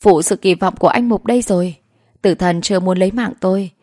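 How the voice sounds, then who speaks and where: A woman reading the lines of a calm, mocking young woman in a storybook narration, speaking in a smooth, teasing way. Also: medium pitch, brisk, no room sound, studio quality, lightly acted.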